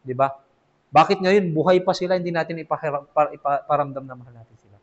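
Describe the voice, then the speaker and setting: A man's voice: a little high, fast talker. A man giving a casual Islamic lesson in a mosque, talking conversationally and often checking in with his listeners. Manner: conversational, asks "di ba?" often, acts out children's replies. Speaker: imam teaching a weekly class. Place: mosque classroom. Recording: dull lo-fi recording.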